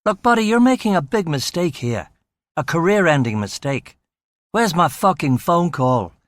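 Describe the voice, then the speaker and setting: A cocky American suspect bristles and demands his rights, his voice climbing high and sharp with indignation, as a male narrator puts him on. He talks with a swaggering, swearing edge. The delivery is dry and close, with no room around it. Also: big pitch swings, moderate pace, no echo. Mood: indignant. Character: brash American man under police questioning.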